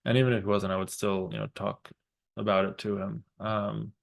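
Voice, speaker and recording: A man in his thirties talking thoughtfully about parenting, pausing often and restarting his sentences. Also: on the low side, flat delivery, creaky. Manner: thoughtful, halting, many fillers and restarts. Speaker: parent vlogger. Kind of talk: reflective personal talk.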